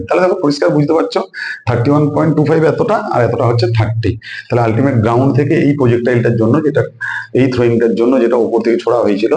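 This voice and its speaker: A man's voice: fairly high pitch, dark tone, roomy sound, low-quality recording. A man teaching physics at a whiteboard, explaining step by step, repeating numbers and asking his students questions. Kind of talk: whiteboard lesson. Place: room with a student nearby.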